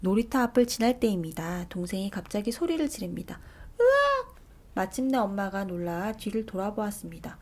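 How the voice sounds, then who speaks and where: A woman's voice: medium pitch, fairly quick, few pauses. Woman reading a children's story aloud. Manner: expressive, animated narration with soft asides. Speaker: storybook reader.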